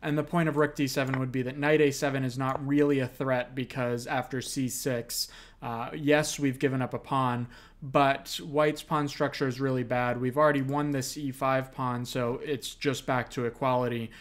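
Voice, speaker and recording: Man calmly walking through chess moves. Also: mid-range voice, normal speed. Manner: explains moves steadily with frequent fillers. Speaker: chess commentator. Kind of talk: analytical casual commentary.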